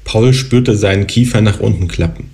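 A man in his thirties reads his own novel aloud in a calm, even way. His voice sits somewhat low, and the pace is steady and unhurried. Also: creaky. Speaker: author reading his novel. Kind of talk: literary reading.

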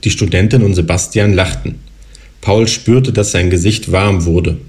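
Calm man reading a novel aloud. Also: deep voice, a little slow. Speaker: author reading his novel. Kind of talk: literary reading.

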